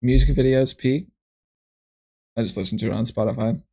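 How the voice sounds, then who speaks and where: A man's voice: mid-range voice, a little fast, creaky, warm tone, husky. A man streaming from his computer, thinking aloud in a loose, rambling way with frequent restarts as he chats to viewers. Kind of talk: casual livestream chat.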